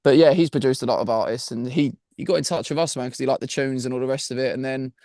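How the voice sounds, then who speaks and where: Fast-talking broad Essex bloke. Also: male voice, medium pitch, fairly even intonation, a little mellow, no echo, studio quality. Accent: broad Essex, Estuary English. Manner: chatty, slangy, peppers talk with "man" and "you know what I mean". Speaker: rock band singer-guitarist and songwriter, interview guest. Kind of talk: casual chat.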